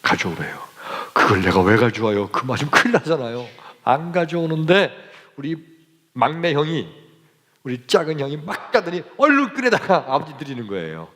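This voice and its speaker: A male pastor preaching a sermon, telling a childhood story with animated delivery, in a church sanctuary. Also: moderate pace. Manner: animated storytelling, lively swings in pitch. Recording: long church hall reverb.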